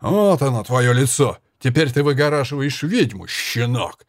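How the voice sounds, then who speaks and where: A man voicing a hot-tempered, drunk Spanish soldier who shouts and curses in slurred bluster. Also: mid-range voice, big pitch swings, normal speed, dry recording, clean studio sound, natural voice. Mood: raging.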